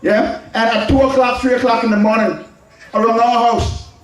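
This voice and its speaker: Speaking at an extremely high pitch with fairly even intonation, this middle-aged Anguillian public speaker keeps a moderate pace. He delivers an emphatic speech laced with personal memories and repeats key phrases for impact. He sounds far from the microphone in a very echoey space.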